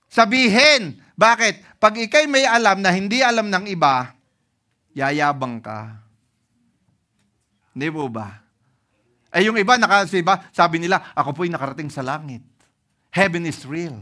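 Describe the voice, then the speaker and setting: Bright-voiced Filipino pastor preaching. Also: male voice, sits high. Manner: lively storytelling with frequent "ano?" and "no?" checks to the congregation. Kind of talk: sermon.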